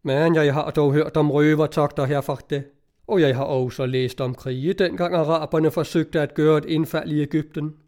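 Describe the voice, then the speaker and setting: A man reads a story aloud in steady, scripted audiobook narration. His voice sits somewhat high for a man. He gives each character's dialogue a light shift of its own.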